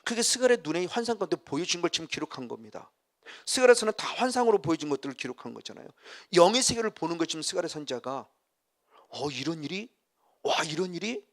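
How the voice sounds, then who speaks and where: A man's voice: a little high, big pitch swings, quick pace. A middle-aged man preaching a sermon as a pastor, vividly acting out scenes and reading scripture aloud.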